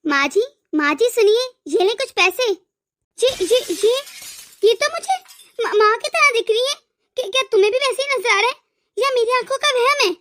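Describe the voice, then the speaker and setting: A woman's voice: very high voice, expressive, normal speed, hardly any pauses, a bit bright. A woman voicing an emotional young wife and devoted daughter in a cartoon story, often stammering over her words. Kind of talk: cartoon voice acting.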